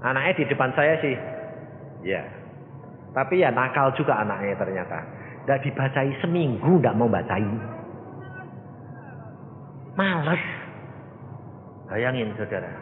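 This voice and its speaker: Lively preacher in a hall. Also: male voice, mid-range voice, a little slow, long pauses, a little hiss or hum. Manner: acts out the voices in his stories, asks the congregation questions. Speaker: evangelist preacher. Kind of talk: sermon with told stories. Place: church hall. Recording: echoey hall, phone-like thin sound.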